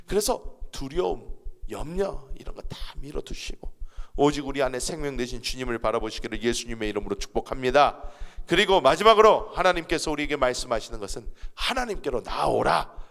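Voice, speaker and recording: A middle-aged male pastor preaching a sermon, emphatic, with rhetorical questions, moving between loud proclamation and hushed asides. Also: fairly high pitch. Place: church sanctuary. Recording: reverberant church hall.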